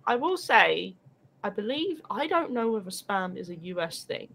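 A woman's voice: mid-range voice, sing-song, moderate pace, creaky, a bit bright. A woman chatting casually as a stream co-host, given to rambling explanations. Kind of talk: casual chat.

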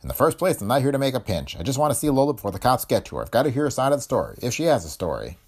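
A man voicing a hard-boiled, wisecracking male private detective, in a gravelly, husky voice. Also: medium pitch, very animated, racing, a little mellow, voice pushed up. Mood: terse.

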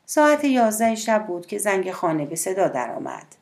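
A woman narrating an audiobook in a measured, steady storytelling manner. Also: medium pitch, slight background noise.

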